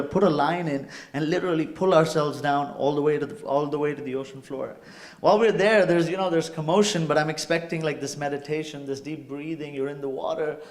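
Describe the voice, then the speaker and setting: A man from India tells a personal story to a live audience, building suspense and acting out the moments with his voice. His voice sits a little high, and the sound rings in a roomy, echoing hall. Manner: animated, acts out suspense with sound effects. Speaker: speaker. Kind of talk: storytelling talk on stage. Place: stage before a live audience.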